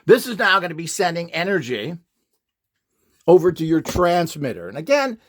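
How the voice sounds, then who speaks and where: A man runs an informal, unscripted demonstration as an instructor, speaking in an opinionated, dismissive way. His voice is fairly high and very animated, at a moderate pace.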